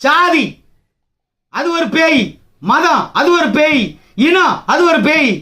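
A man's voice: extremely high pitch, slow pace, bright, forceful tone. A man from Tamil Nadu, a trade union leader, giving an angry political speech, combative and taunting, firing rhetorical questions.

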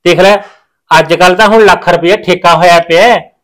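Brief: actor as a reassuring farmer son, higher male voice, quick delivery. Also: fairly even intonation, a bit bright, poor audio. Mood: firm. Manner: reassuring, firm and coaxing. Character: farmer son and husband, reassuring yet firm. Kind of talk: short-film village drama acting.

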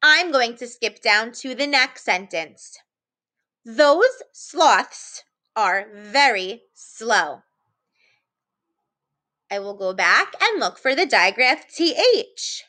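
A woman with a fairly high-pitched voice leads an early-reading lesson for young children, speaking slowly and encouragingly with playful, excited gasps.

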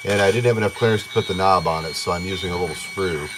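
An American man with a low voice talks quickly, walking through an informal hands-on electronics tutorial step by step in a plain, folksy manner. He's a hobbyist host working at a home workbench indoors, and there's some background noise.

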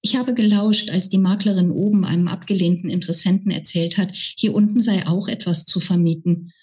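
A woman's voice: fairly low pitch, steady tone, brisk, darkish tone, close to an everyday voice. A woman reading a novel aloud and voicing a brash, cheeky young woman who talks bluntly. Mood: frank.

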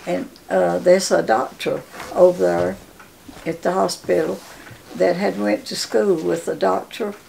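A very old woman in her nineties tells stories with a Southern Appalachian accent. Her voice is heavily gravelly, and she goes haltingly and repeats words. There is faint room noise behind her. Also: fairly low pitch, level tone, warm tone, rough recording. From Appalachia, southern United States. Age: 90s. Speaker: interviewee telling life story. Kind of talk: casual reminiscing. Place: home living room, indoors.

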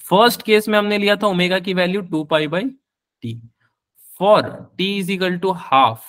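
A man's voice: high voice, unhurried, a bit bright. Chatty male physics teacher. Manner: chatty, calls students beta, answers their questions. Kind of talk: live online class.

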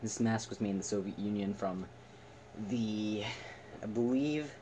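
A young man giving a casual, halting, unscripted product review in short fragments. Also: fairly low pitch, dark tone. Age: teens to young adult. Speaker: video reviewer. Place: small attic room indoors. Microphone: camera a few metres away. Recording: distant camera mic, noisy room.

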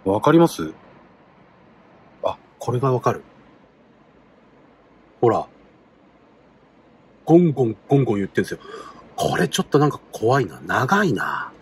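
Excitable male vlogger, husky, lively pitch, talking from a parked car. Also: a little slow, pauses often. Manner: excitable, talks to camera while eating. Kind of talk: casual car-camping vlog.

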